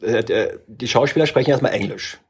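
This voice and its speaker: A man's voice: mid-range voice, brisk, husky. A man interviewing someone casually, putting questions in an informal chat.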